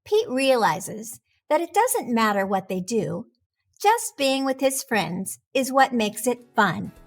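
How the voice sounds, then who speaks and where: A woman reading a children's storybook aloud, gentle and expressive. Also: fairly high pitch, slow pace. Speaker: children's book reader.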